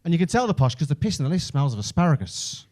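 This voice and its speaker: Animated Brummie man doing stand-up. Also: a little high, fast talker. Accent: Birmingham Brummie. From Birmingham, England. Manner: conversational, self-deprecating, sweary, often adds "right?". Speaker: stand-up comedian. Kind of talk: stand-up comedy storytelling.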